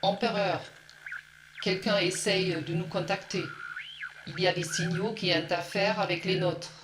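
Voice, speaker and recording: A woman's voice: medium pitch, steady tone, normal speed, soft background music, lightly acted. A woman playing a dutiful alien aide who gives formal reports to an emperor in a science-fiction drama. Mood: dutiful, alert. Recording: echoing room with faint noise.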